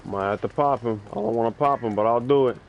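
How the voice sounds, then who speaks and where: A man's voice: medium pitch, fast, dull audio, a little hiss or hum. A man giving casual gameplay commentary in a slangy, repetitive way. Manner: slangy, repeats phrases. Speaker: gamer, channel host.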